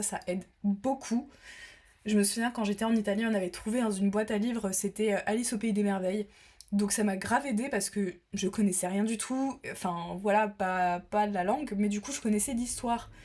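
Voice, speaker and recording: A woman's voice: medium pitch, a little mellow. Young woman, from France, casual vlog, chatty, lots of fillers and restarts. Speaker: vlogger. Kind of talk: casual talk to camera.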